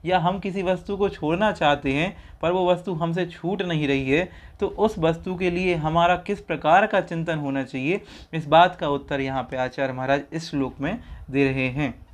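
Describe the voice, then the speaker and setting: A man's voice: fairly high pitch, normal speed. A man teaching the recitation of a Sanskrit verse, breaking each word into syllables and repeating it patiently for listeners to say along. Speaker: teacher of a Jain scripture. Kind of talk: slow syllable-by-syllable recitation lesson.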